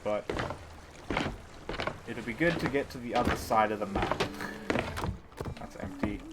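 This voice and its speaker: At a measured pace and in a fairly low voice, a game streamer chats casually, switching between muttering to himself and teasing banter with his viewers. Heavy background noise fills the recording.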